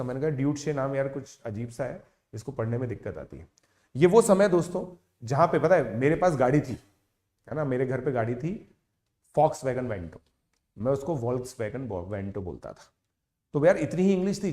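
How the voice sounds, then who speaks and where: A man in his thirties, speaking as an educator, tells students a personal story in a lively, conversational way. He keeps checking in with his audience and drops English words into his speech. His voice sits at an ordinary middle pitch. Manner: chatty, animated, with frequent "theek hai" check-ins; mixes English words into Hindi. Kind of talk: casual motivational storytelling to online students.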